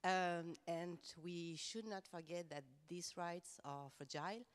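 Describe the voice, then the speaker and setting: At a round-table panel in a conference room, a French professor speaks English with a French accent, earnest and passionate yet hesitant, with frequent fillers. Her fairly low voice is slow, clear and resonant.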